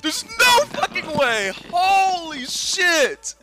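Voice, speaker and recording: A man reacting excitedly during an online game. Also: very high-pitched, drawn-out words, music in the background, low-quality recording.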